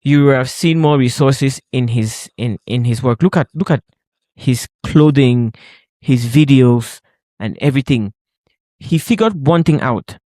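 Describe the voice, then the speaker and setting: A man from Cameroon co-hosting a podcast, telling stories in a lively, emphatic way in casual chat. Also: medium pitch, measured pace, no room sound, studio quality. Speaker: podcast co-host.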